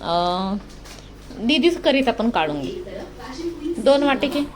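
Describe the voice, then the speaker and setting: A woman's voice: on the high side, sing-song, slow, a crowd in the background. A woman, filming a home vlog and coaxing her children with motherly questions. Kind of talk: casual home vlog narration and chat with children. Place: home, indoors. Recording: noisy home phone recording.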